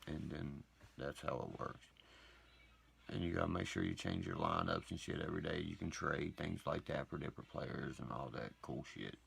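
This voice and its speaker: A man with a very low, gravelly voice rambles on his own livestream, cursing and bragging as he answers viewers. Faint background noise sits under his phone or webcam audio. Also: animated, moderate pace, a bit bright. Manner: profane, boastful, ranting; reads and answers viewer comments. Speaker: livestream host.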